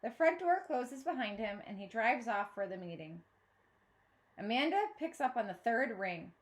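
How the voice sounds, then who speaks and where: Her pitch is fairly high and her pace moderate as she reads from a children's novel in a teacherly way. She tells the story in the first person and brings the dialogue to life with expressive acting.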